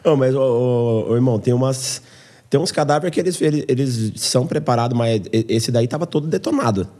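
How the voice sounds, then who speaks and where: A man's voice: medium pitch, brisk, dark tone. Man hosting a casual podcast. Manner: reactive, asks short follow-up questions. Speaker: podcast host. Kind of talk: casual chat.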